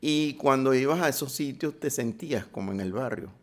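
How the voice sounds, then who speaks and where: An older man, a sound designer guest, telling stories of his life in an interview with a halting, reminiscing manner. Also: mid-range voice. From Venezuela. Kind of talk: interview storytelling.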